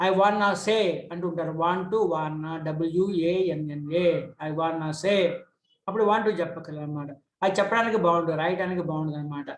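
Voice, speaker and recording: Middle-aged telugu guy teaching english grammar, high voice, slow on the examples, quick on the explaining, echoey room.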